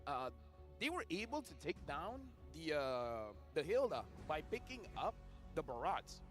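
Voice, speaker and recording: A man's voice: a little high, very animated, measured pace, faint music behind. A man co-casting an esports broadcast, with playful, joking banter while breaking down the draft. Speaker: esports co-caster.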